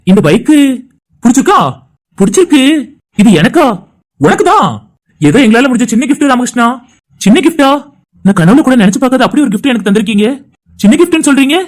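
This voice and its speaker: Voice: medium pitch, quick pace, pauses often, close to an everyday voice. An actor voicing cheerful young men joking among friends. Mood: warm. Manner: lively, teasing banter. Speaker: cartoon voice actor. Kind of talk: animated family drama dialogue.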